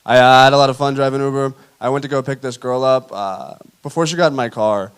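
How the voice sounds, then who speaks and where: A young man performing a self-deprecating stand-up set on a theater stage, telling stories in a deadpan way. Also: mid-range voice, fast talker, clean tone. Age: young adult. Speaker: stand-up comedian. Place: theater stage before a live audience. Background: audience laughter.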